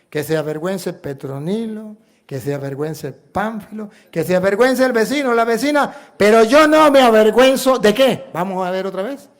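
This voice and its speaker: A Venezuelan priest preaching a sermon in an emphatic, repetitive way, full of rhetorical questions. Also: male voice, sits high. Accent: Venezuelan Spanish.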